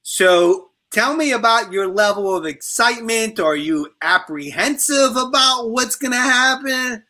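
A man's voice: very high voice, expressive, measured pace, pushed and bright. A middle-aged man hosting a casual panel chat, joking and rambling with many fillers. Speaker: talk show host.

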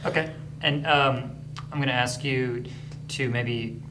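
A man interviewing a guest, hesitant and filling pauses while he frames his questions. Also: medium pitch, fairly even intonation, noisy background. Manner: hesitant, many fillers while framing questions.

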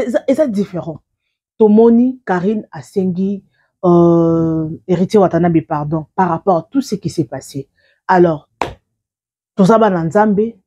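A woman's voice: medium pitch, warm tone, breathy edge. A woman giving casual, rambling commentary as a celebrity news vlogger, often repeating and restarting her words.

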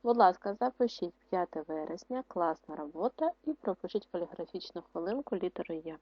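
A woman teacher giving a video lesson to schoolchildren, dictating words slowly and explaining rules in a clear, instructive way. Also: fairly low pitch, lively intonation, dry recording. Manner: slow, syllable-by-syllable dictation of words. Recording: dry, muffled lo-fi recording.

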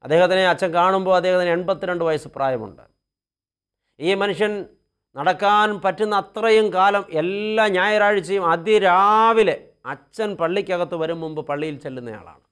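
Priest preaching, hushed then soaring. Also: male voice, sits high, normal speed, clear, resonant tone. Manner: swings from soft, hushed storytelling to loud, rising exhortation. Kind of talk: sermon with a told story.

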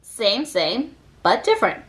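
A woman with a fairly high voice reads a children's picture book aloud. Her pitch swings very lively, and she phrases each short line deliberately with pauses in between.

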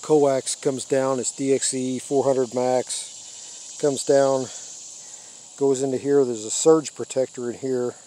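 An older man from the United States, a radio hobbyist, gives a casual, unscripted show-and-tell tour in halting short phrases, outdoors in an open rural backyard. His voice is mid-range, level and dark, captured on a handheld phone or camera mic with a little hiss or hum.

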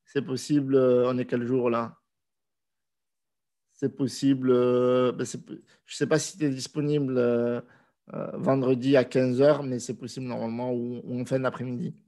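A medium-pitched, moderately paced man in his thirties, down with a cold, casually takes viewer questions live. He streams from a small room over a video call into a desk microphone, relaxed and conversational, hesitating frequently.

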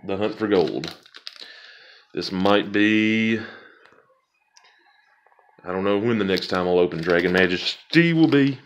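A man rambles slowly through his card pack openings, chatting to viewers and laughing at his own asides. His voice sits a little low, and faint hiss runs under the recording. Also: lively intonation. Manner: rambling, self-amused, talks to viewers. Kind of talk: casual unboxing commentary.

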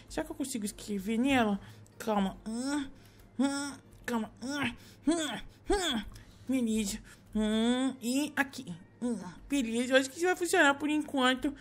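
A woman voicing a lonely, abandoned talking baby cat boy who whimpers and thinks aloud. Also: high voice.

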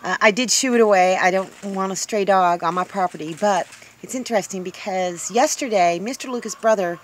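A woman's voice: medium pitch, a little fast. A woman in her fifties talking casually to a handheld phone camera outdoors on her homestead porch, rambling with lots of ums and restarts. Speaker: homestead vlogger. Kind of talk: casual vlog talk to camera. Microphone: handheld phone camera at arm's length.

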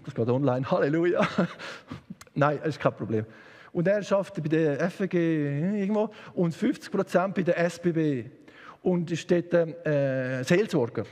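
A man's voice: fairly high pitch, normal speed, darkish tone, big-room sound. A man with a Swiss German accent preaching an impassioned, emphatic sermon in a church. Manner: impassioned, emphatic, with sudden shifts of pace. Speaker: guest preacher.

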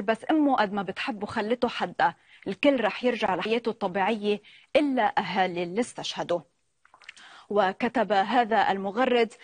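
Fast-reading woman news reporter. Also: a little high, no room sound. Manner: reads quickly in a formal, measured news tone. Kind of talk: news segment narration.

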